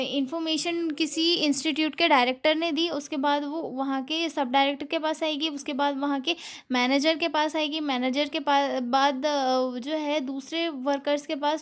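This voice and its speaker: A woman with a high voice teaches nursing students. She reads out English note lines slowly, then explains each point, often stopping to check understanding. Filler pauses break up her sentences. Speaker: nursing tutor. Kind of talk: explanatory lecture mixing Hindi and English.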